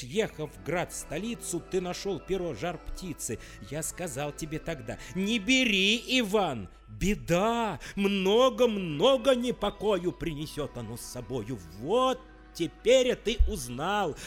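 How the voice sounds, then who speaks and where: A little magic horse speaks with gentle, knowing care and a soft chuckle, as a man plays him. His voice is high and lively, unhurried, with faint music behind. It is a fairy-tale verse reading. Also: exaggerated voice. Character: small wise humpbacked horse, kindly and chiding.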